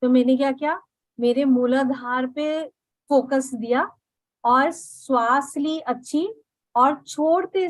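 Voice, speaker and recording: Woman meditation guide; high-pitched, slow and patient, instructive, recorded dry and close. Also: no echo, poor audio. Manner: unhurried, repeats "okay" often, mixes in English words. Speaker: meditation teacher.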